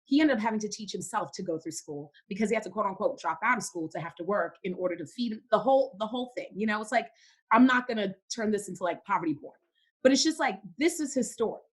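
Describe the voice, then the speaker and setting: A woman's voice: mid-range voice, expressive, quick pace, husky. A young woman from Cameroon, a podcast guest in casual faith-based conversation, who speaks emphatically and repeats words for stress.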